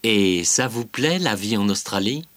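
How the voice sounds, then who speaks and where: Man, interviewer, scripted exam dialogue, slow deliberate questions, lowish voice, dry sound. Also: lively intonation, fairly bright tone, no room sound.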